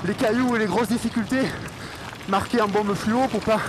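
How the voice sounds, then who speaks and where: A man's voice: sits high, steady tone, normal speed. A man describing a downhill course section by section in terse, clipped phrases. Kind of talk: course commentary. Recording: noisy outdoor sound.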